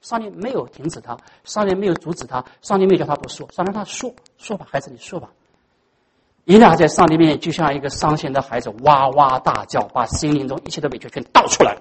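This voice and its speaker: A pastor delivering a sermon at a fast clip. The pitch moves in wide, lively swings, and the dramatic delivery drops to a near hush before climbing loud again. English words slip into the speech now and then. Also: breathy edge, low-quality recording. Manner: animated, dramatic, swings between hushed and loud.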